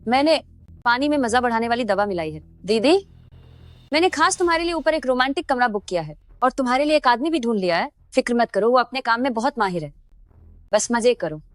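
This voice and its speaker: A woman's voice: on the high side, animated, brisk, no room sound, close to an everyday voice. An actress dubbing a scheming young woman who sounds sweet and falsely friendly. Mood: sly. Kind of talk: Hindi dub of a drama.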